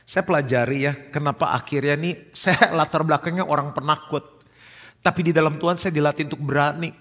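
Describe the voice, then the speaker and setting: A man in his forties, a pastor with an Indonesian accent, preaching a sermon with animated storytelling, acting out dialogue and dropping to soft emphasis. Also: on the high side, brisk. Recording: long hall reverb.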